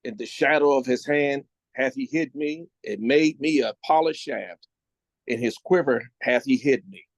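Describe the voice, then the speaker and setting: A man reading scripture aloud in a solemn, measured way. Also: mid-range voice, dry recording. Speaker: scripture reader.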